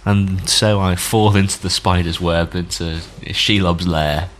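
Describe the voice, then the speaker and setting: A man with a very deep voice chats on a podcast. He jokes at his own expense and plays with words. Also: fairly even intonation, measured pace, a bit bright, a little hiss or hum. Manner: self-mocking, playful wordplay. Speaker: podcast co-host. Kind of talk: casual chat.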